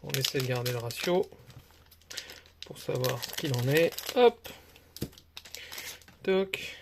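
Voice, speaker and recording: A man's voice: mid-range voice, slow pace, creaky, background noise. A young man casually commenting as he opens trading card packs, chatty and rambling with many hesitations. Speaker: card collector opening booster packs.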